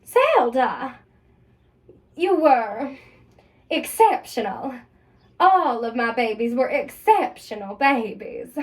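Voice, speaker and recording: A prim, genteel older Southern mother, as an actress puts her on, stern and scolding, drawing out her words slowly. She keeps a fairly high voice on a theatre stage. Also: sing-song, far from the mic, heavily acted. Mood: doting.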